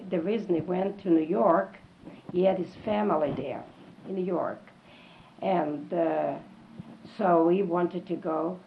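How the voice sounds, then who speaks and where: An elderly woman reminisces in an interview, halting and repeating phrases for emphasis. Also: on the low side, gravelly. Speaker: oral history interviewee. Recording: dull, lo-fi tape with faint noise.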